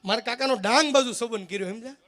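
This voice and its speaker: High-voiced comedian. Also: male voice, very fast, a bit bright. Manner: joking, teasing the audience directly. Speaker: folk stage comedian. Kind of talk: live comic storytelling to an audience.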